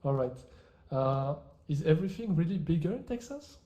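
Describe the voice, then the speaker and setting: A male talk show host with a very dark, mellow voice, pitched somewhat higher than most men. He runs a live virtual reality show, moving briskly from one question to the next with quick "all right" transitions. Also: animated.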